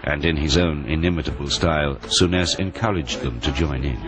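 Very deep male documentary narrator. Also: fairly quick. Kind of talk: scripted narration. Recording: voice-over with music beneath.

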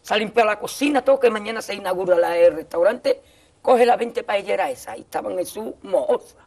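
A man's voice: high voice, fairly quick, creaky, a little mellow. A middle-aged man telling an anecdote as a guest on a TV talk show, acting out the dialogue he quotes. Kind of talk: anecdote told in a TV interview. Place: TV studio set with a desk. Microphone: desk microphone.

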